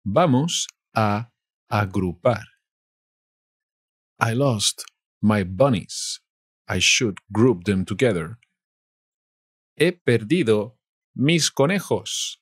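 Slow Spanish teacher from Spain. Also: male voice, lowish voice, animated, slightly rough, dry recording, studio quality. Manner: slow, repeats each word twice. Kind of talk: vocabulary lesson.

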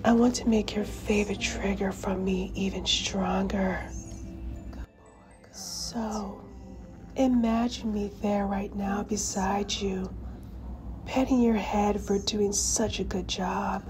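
A woman murmurs an ASMR role-play of guided hypnosis in a soft, breathy spa-like soft voice. Her delivery is very unhurried, with long pauses, soothing yet in command. Music plays clearly behind her. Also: mid-range voice, fairly even intonation.

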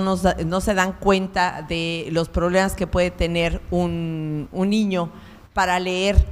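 A woman's voice: lowish voice, long reverb tail, a little hiss or hum. A woman giving a conversational public lecture, full of fillers and "¿no?" tags.

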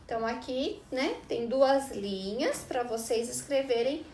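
A woman teaching a recorded lesson to young children, slow and patient, pointing things out and checking in often. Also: high-pitched, a little mellow. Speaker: preschool teacher. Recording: echoey room with faint noise.

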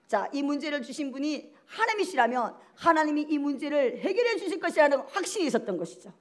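A woman's voice: high voice, big pitch swings, fast talker. A middle-aged woman preaching a sermon, emphatic and full of rhetorical questions to the congregation.

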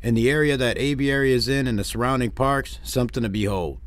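A man's voice: mid-range voice, fast, no room sound. A man from Detroit narrating a family road-trip vlog in a plainspoken, wry way, with dry complaints. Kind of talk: narrated travel recap.

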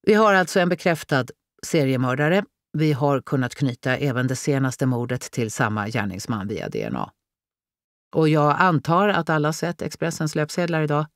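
A woman reading an audiobook, voicing a male police chief who briskly commands a murder briefing. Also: low voice, no echo, clean studio sound. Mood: commanding.

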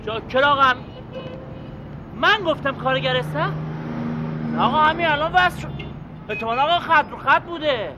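Sitcom role: high-voiced, wheedling fast talker; noisy background. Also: male voice, animated. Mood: pleading. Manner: wheedling, pleading, talks himself out of trouble. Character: fast-talking flustered man juggling favors and lies. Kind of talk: TV sitcom acting.

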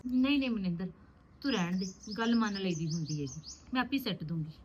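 An actress playing a caring, anxious young married woman who gently scolds and coaxes her younger sister-in-law. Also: medium pitch, animated, fast talker, dull audio, background noise, lightly acted. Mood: tender. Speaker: actor. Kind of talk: village family drama acting. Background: birdsong.

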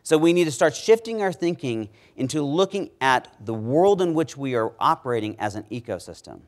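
Speaking a little fast in a sing-song way, a middle-aged keynote speaker addresses a conference from a big stage, wearing a lapel mic, delivering emphatically and sinking low on important words.

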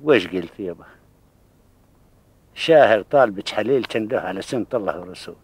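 An actor in his sixties playing a kindly old father in a television drama, with a Bedouin Arabic accent and a paternal, measured manner. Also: fairly low pitch, animated, darkish tone, slightly rough, no echo, rough recording. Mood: gentle, solemn. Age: 60s.

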